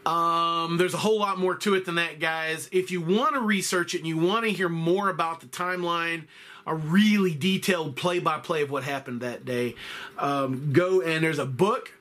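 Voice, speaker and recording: A man's voice: on the high side, moderate pace, pushed and bright. A man casually narrating a solo podcast, rambling a little and correcting himself often. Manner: rambling, self-correcting, with frequent fillers. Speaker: podcast host.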